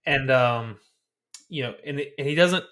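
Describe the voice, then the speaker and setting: A man's voice: mid-range voice, a little slow, a bit bright. A man co-hosting a movie podcast in casual chat, earnest and enthusiastic. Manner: earnest, enthusiastic, self-correcting. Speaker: podcast co-host.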